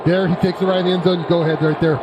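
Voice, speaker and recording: A man's voice: sits high, level tone, rapid-fire. A man giving informal, conversational color commentary on live sports radio, often restarting his phrases. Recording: loud stadium crowd noise behind the voice. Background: roaring stadium crowd.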